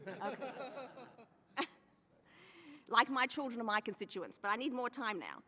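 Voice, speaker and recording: A woman giving formal testimony at a hearing, stressing key phrases by slowing down. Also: fairly high pitch, expressive, pushed and bright. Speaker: hearing witness. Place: large hearing room. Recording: long reverb of a hearing room.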